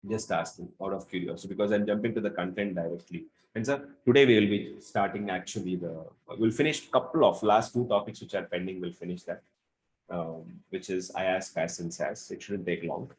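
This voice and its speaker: A man's voice: low-pitched, a little fast, rough recording. A man teaching a live online class over a video call, chatty and informal, apologizing for running late. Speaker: instructor.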